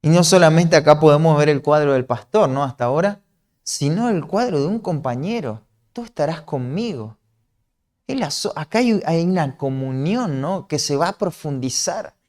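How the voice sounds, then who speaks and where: A man's voice: on the high side, expressive, moderate pace, a little mellow. A man from Argentina with a Rioplatense accent, preaching an earnest, explanatory sermon that often checks in with a questioning "¿no?". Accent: Rioplatense Spanish.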